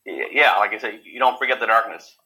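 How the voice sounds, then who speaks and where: A man in a casual interview, talking haltingly with many repeated words and fillers. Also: lowish voice, sharp tone, rough recording. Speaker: guest.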